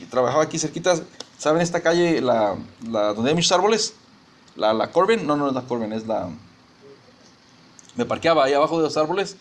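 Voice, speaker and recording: A man's voice: medium pitch, slight background noise. A middle-aged man, a pastor preaching a conversational sermon and often restarting his sentences.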